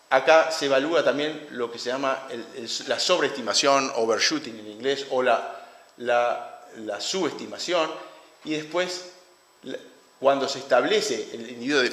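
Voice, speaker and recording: A male lecturer with a Uruguayan Spanish accent explains his material at a middle pitch, often stopping to restart phrases. His voice carries through a large room and rings with a long reverb. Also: fairly bright tone. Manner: halting, with frequent restarts and fillers. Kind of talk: academic lecture. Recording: roomy hall with long reverb.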